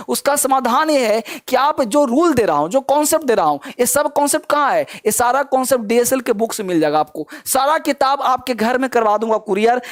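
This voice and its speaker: A man teaches a spoken-English class in a coaxing, repetitive way. He keeps stopping to make his students pay attention and to ask if they understand, then says the same word several times so it sinks in. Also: extremely high pitch.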